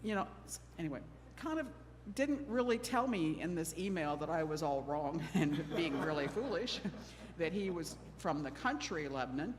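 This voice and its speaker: With a crowd audible behind her, a middle-aged Oregon woman hosts a church panel discussion, talkative and slightly nervous, laughing at her own jokes about herself. Her low, expressive voice moves at normal speed through the church hall's long reverb and faint noise.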